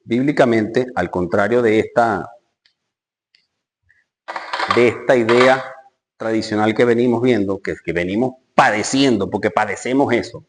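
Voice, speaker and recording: A man's voice: fairly low pitch, unhurried, long pauses, background noise. A man preaching a Bible study sermon, emphatic, asking rhetorical questions and rising sharply when he reads scripture. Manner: addresses listeners directly, rhetorical questions.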